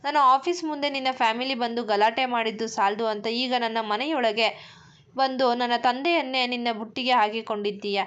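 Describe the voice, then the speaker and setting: A woman voicing a cruel, furious young rich man who shouts scornful threats. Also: fairly high pitch, steady tone, normal speed, clear, resonant tone, dull audio, close to an everyday voice.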